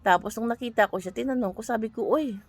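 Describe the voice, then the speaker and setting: A Filipina working abroad tells her viewers an earnest, conversational story directly, in a casual storytelling monologue. She's an overseas worker and vlogger who talks fast in a slightly high voice.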